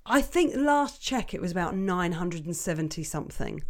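A woman's voice: fairly low pitch, big pitch swings, normal speed. Brief: woman podcast co-host, teasing, playful banter. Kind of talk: casual chat.

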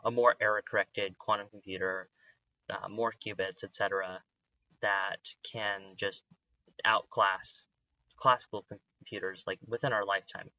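A man's voice: fairly low pitch, bright, forceful tone, dry recording, low-quality recording. A man hosting a podcast interview, asking curious, upbeat questions with frequent hesitations. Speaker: podcast host. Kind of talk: casual interview chat.

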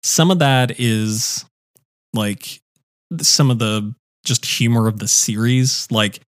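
A man's voice: mid-range voice, takes it slowly, no room sound, studio quality. Rambling young man in casual chat. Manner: rambling, many fillers and restarts. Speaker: podcast co-host.

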